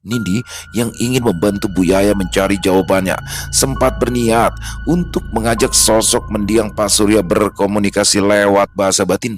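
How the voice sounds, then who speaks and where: Low-voiced male horror story narrator. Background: faint background music.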